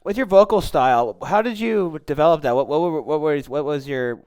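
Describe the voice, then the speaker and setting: A man's voice: a little high, a little fast, a crowd in the background. A man hosting a podcast interview, enthusiastic and often restarting his sentences. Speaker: podcast host. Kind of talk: casual interview chat.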